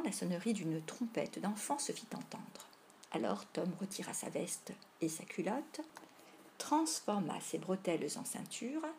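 A woman reading a classic novel aloud as narrator, in a measured storytelling manner. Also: medium pitch, darkish tone, a little hiss or hum. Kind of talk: audiobook narration.

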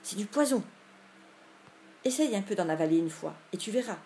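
A woman's voice: medium pitch, lively intonation, moderate pace, dark tone, slight background noise, close to an everyday voice. A woman voicing a bold but superstitious young boy in an audiobook, talking urgently and sometimes dropping to a whisper. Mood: warning. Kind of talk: audiobook character voice.

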